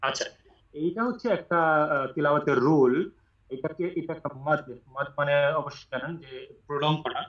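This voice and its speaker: A man teaching Quran recitation in an online class, explaining rules patiently and reciting slowly with long drawn vowels. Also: fairly high pitch, fairly even intonation, a bit bright. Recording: echoey room, muffled audio.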